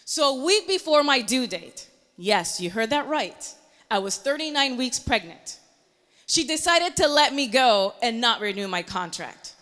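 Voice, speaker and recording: Woman in her thirties, earnest motivational storyteller, bright voice with a long hall echo. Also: on the high side, expressive, measured pace. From Panama. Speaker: meteorologist. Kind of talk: personal story speech.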